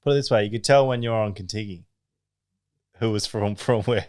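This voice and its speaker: A man's voice: lowish voice, a little fast, darkish tone, smooth, no echo, clean studio sound. An Australian man co-hosting a podcast, insisting on his point and laughing often. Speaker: podcast co-host. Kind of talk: casual banter.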